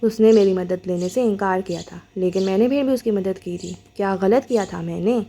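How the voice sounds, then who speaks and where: A woman voicing a bitter, defensive wealthy young man in a storybook reading, pitching her voice low and sounding aggrieved. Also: warm tone, a little hiss or hum, natural voice.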